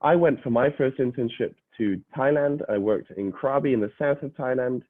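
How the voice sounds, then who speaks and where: This is a mid-range, moderately paced voice belonging to a half-British young adult man from university admissions. He walks prospective students through an online presentation, stumbling into uhs and restarts along the way, captured in dry, phone-like lo-fi sound.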